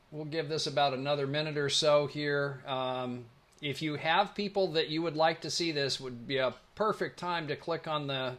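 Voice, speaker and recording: The man hosting this live online webinar hails from the Pacific Northwest United States and has a medium-pitched, fairly bright voice. Enthusiastic and talkative, he rambles and leans on fillers.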